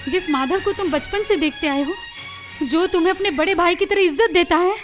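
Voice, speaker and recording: A woman's voice: very high-pitched, a little fast. An actress dubbing a devout young village wife who pleads with and defies her husband, in a film scene with music behind. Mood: pleading, defiant. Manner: pleading, insistent. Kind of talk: Hindi film dub acting.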